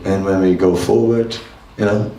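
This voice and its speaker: An older monk from the Netherlands teaches a class in a temple hall, sharing anecdotes in a relaxed, conversational manner and chuckling often. His voice is low and warm, with a steady tone and normal speed. He is picked up from a distance, so the hall sounds roomy.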